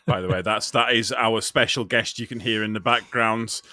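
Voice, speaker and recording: A man co-hosting a podcast, talking in a lively, teasing way. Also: on the low side, moderate pace, a little hiss or hum. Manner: lively, teasing, laughs often. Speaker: podcast co-host. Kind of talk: casual podcast chat.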